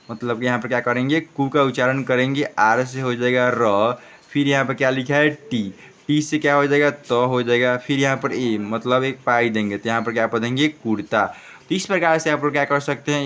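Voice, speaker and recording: A man's voice: mid-range voice, a bit bright, dull audio. A man teaching an English reading lesson, spelling out each word letter by letter and answering his own questions. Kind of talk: classroom lesson.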